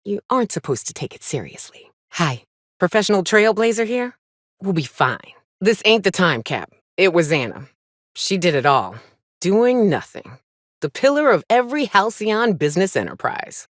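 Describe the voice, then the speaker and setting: A tough female trailblazer from a space frontier video game fires off short, salty reactive lines like a seasoned trail companion, sardonic, folksy and wry. Her sing-song pitch moves around a lot at a moderate pace, recorded dry and close with no room sound.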